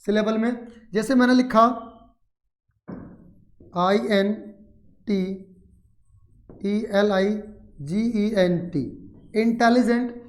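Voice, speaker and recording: Indian man teaching grammar in roomy class. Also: very high voice. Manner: explains in Hindi mixed with English, asks and answers his own questions; dictates slowly word by word. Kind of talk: grammar lesson.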